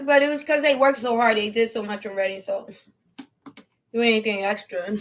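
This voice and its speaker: A woman talking casually on a livestream at home, chewing as she eats, with a slangy, playful, opinionated manner. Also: a little high. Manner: chewing while talking, eating. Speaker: solo livestream vlogger. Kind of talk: casual chatty livestream monologue.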